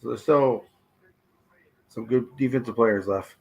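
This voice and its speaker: Hoarse man, gravelly, raspy, live stream host, casual draft commentary. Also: medium pitch, a little slow, darkish tone, poor audio. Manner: reacts to picks and answers chat viewers. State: hoarse, losing his voice. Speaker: livestream host.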